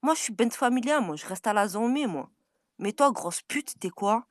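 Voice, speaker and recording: A woman on a furious, taunting rant, repeating her challenges and swinging between yelling and low, menacing mutters. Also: lively intonation, moderate pace, dry recording, clean studio sound. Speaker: social media personality. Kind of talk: angry direct-to-camera rant.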